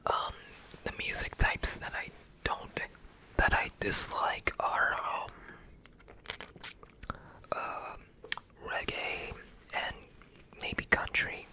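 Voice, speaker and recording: Slow, hesitant unvoiced ASMR whisper. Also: sharp tone, poor audio. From United States. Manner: hesitant, searching for words, self-effacing. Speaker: ASMR content creator. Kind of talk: whispered ASMR casual ramble.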